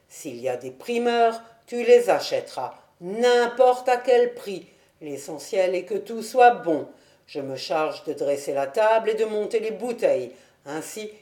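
A lady putting on a big jolly guy bossing folks around, lower mellow voice, echoey room. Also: lightly acted. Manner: boisterous, calls out loudly. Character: jovial hearty bachelor host, generous man.

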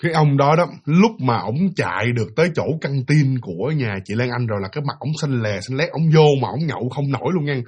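A man with a Southern Vietnamese accent, casually retelling a ghost story in an animated way, full of fillers and repeated words. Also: mid-range voice, a little fast, hardly any pauses, breathy edge, lo-fi sound.

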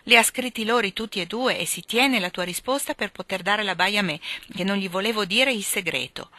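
A woman's voice: lowish voice, a little fast, sharp tone, dry recording. A woman voicing a fiery tomboyish teenage girl. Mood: lively. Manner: indignant, outspoken.

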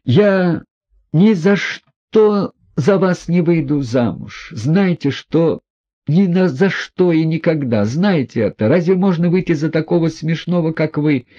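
A proud young woman in hysterics, as a male audiobook narrator puts her on, her voice driven well above his own and pushed loud. She hurls one accusing outburst after another. The recording is dull and lo-fi. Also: fairly high pitch, animated, unhurried, voice pushed up. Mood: hysterical.

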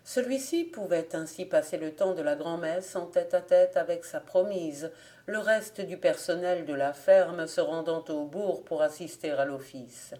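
A woman reads a folk tale aloud as an audiobook narrator. Her voice sits low and her pacing is measured and calm. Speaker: audiobook reader. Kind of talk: scripted narration.

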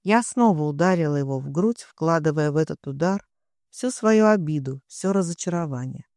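Brief: woman for expressive first-person romance narration, dry close recording. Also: on the low side, dry recording. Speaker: audiobook narrator.

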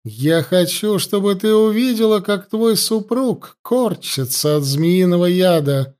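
Cruel high priestess, read by a man: high, lively, harsh and imperious. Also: unhurried. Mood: menacing. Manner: commanding, sneering, harsh. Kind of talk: audiobook character voice.

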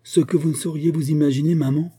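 A man's voice: a little high, fairly even intonation, fast talker, dark tone, husky, voice pushed up. A man voicing a remorseful, indignant young noblewoman in an audiobook, pleading earnestly. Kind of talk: audiobook character voice.

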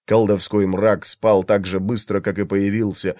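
A man reading a fantasy novel aloud in a measured, dramatic narration. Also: fairly low pitch, flat delivery, a little mellow, no room sound, studio quality. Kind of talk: audiobook narration.

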